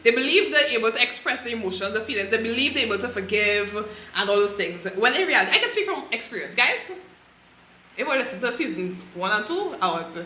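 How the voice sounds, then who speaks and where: Bright, lively woman podcast host. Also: on the high side, quick pace, reverberant, a little hiss or hum. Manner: laughing, playful, self-mocking banter. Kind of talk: casual chat.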